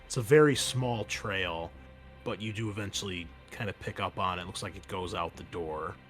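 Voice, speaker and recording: Speaking at a moderate pace, this man has a low voice with a fairly bright tone. He runs a tabletop game as game master, describing things in a relaxed, chatty way while music plays in the background.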